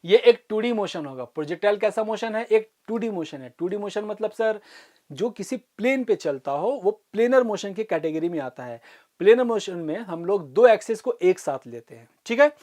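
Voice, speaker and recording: A woman teaching an online physics class for exam students. She explains step by step, slows down to dictate formulas, and keeps checking that students follow. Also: mid-range voice, lively intonation, dark tone. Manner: explains step by step, often asks "ठीक है?" to check understanding.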